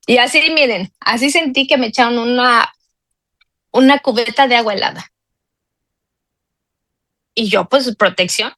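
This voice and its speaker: A woman's voice: fairly high pitch, a little slow, pauses often, a bit bright, no room sound. Earnest woman confiding a testimony. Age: 40s. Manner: earnest and confiding, with frequent fillers and tag questions. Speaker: guest sharing a healing testimony. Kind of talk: personal testimony.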